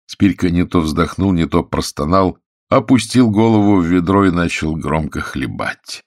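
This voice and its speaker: A man with a very deep voice reads an audiobook in steady, measured narration. The sound is dry and close, with no room echo. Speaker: audiobook reader. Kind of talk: scripted narration.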